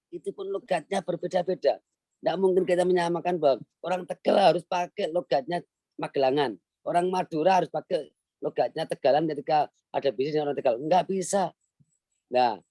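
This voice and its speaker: A middle-aged man lectures a webinar audience over a video call, hammering home his points and repeating key phrases for emphasis. His voice sits a little high for a man but sounds mellow and dark in tone. The recording is dry and close. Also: dry recording. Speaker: guest speaker on a business webinar.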